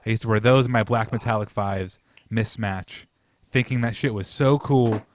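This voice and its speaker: This podcast co-host has a fairly low voice and a moderate pace, with slight background noise behind him. He chats in a relaxed way, spinning stories sprinkled with some swearing.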